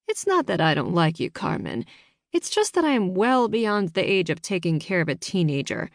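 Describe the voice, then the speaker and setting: A woman's voice: fairly low pitch, sing-song, moderate pace, no echo, clean studio sound. A woman voicing a curt, no-nonsense grandmother in an audiobook. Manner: curt, dismissive. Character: blunt grandmother, cold and no-nonsense.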